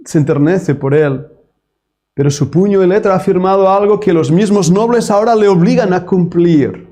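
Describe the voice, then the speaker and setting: A man's voice: fairly high pitch, mellow. A man preaching a sermon, reading scripture with dramatic rises and falls. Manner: dramatic, rising and falling delivery reading scripture aloud. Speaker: pastor.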